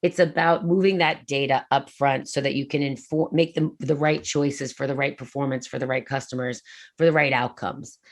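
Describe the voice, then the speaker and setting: A businesswoman from the prefab industry speaks in a low, animated voice during a conference talk. She talks fast and leans heavily on fillers.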